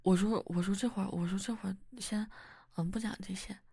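A woman's voice: mid-range voice, steady tone, brisk, creaky, breathy edge, no echo, studio quality. A young woman acting as a wife and mother in a whispered role-play, talking intimately and teasingly to her husband. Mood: chatty. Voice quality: soft whispery delivery. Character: young wife, playful, easily flustered.

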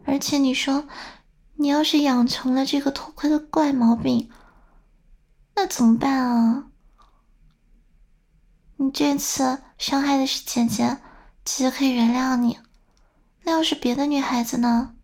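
A young woman playing a stern but doting older sister who scolds and coaxes the listener, in a whispered role-play. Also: sits high. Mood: lecturing. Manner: scolding, then coaxing softly.

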